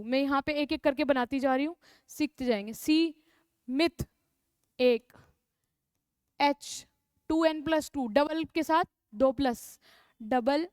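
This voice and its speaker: Her voice sits high and a little mellow, captured dry, as this young woman with a North Indian accent lectures on chemistry. Addressing students as "beta" in a coaxing way, she keeps repeating key terms and answering the questions she raises.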